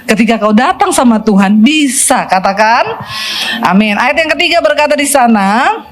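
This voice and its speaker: Lively woman pastor preaching. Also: fairly high pitch, normal speed. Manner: lively storytelling with quoted voices and asides; colloquial, mixes in English phrases. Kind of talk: sermon.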